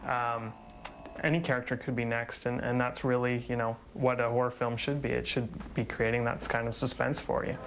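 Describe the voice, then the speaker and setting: A man's voice: medium pitch, level tone, normal speed, noisy background. A man in a documentary interview, speaking hesitantly with fillers as he discusses film suspense. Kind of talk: interview commentary on films.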